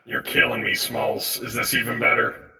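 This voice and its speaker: A man's voice: rumbling low, completely flat delivery, normal speed, sharp tone, echoey room. A man talking through a voice changer mixed with auto-tune, a tabletop game player roleplaying in blunt, teasing banter. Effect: voice changer filter mixed with auto-tune.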